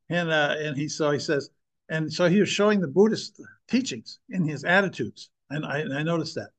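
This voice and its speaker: A man's voice: on the high side, animated, moderate pace. An older man speaking earnestly and with emphasis, preaching and sharing a personal testimony with his listeners.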